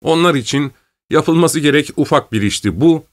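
A man narrating an audiobook in a steady, measured reading voice. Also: on the high side.

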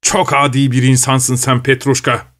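A man's voice: mid-range voice, level tone, measured pace, a bit bright, no echo, voice pushed up, natural voice. A man reading aloud and voicing an anxious, fussy middle-aged clerk who coaxes and then rages at his servant; dry recording. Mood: exasperated.

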